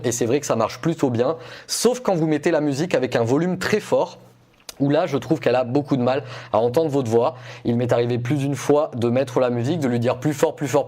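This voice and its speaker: A man's voice: medium pitch, dark tone. A man explaining and reviewing gadgets to his viewers in a casual, explanatory way. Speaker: tech reviewer presenting a video test.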